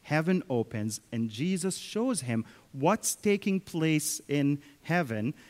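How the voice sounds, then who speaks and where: A man preaches in church with a slightly high, darkish voice, slow and sing-song, shaping his sermon as a story. He often speaks directly to the children, and the hall's reverb lingers long.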